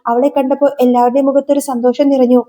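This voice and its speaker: A woman's voice: high-pitched, little pitch movement, fast talker, warm tone. A woman narrating a serial episode as a dramatic, emotional story retelling.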